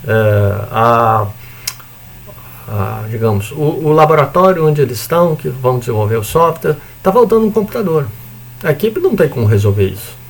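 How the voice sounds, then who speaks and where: A man's voice: medium pitch, lively intonation, normal speed, vocal fry, husky. A man with a Brazilian accent giving an informal recorded lecture, explaining in a chatty way with frequent tag questions and the odd joking swear word. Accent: Brazilian Portuguese. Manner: mild swearing and joking asides. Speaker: university lecturer.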